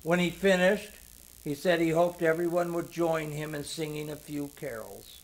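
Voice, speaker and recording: An older man narrating a sentimental story in the first person, slow and heartfelt. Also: fairly high pitch, fairly even intonation, low-quality recording.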